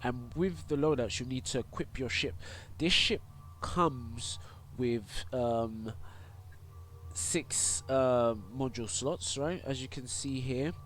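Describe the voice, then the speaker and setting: Speaking slowly in a mid-range, somewhat bright voice, a young streamer with a congested cold rambles through a game tutorial. Fillers and restarts pile up, and a little hiss or hum sits under the audio of this gaming YouTuber.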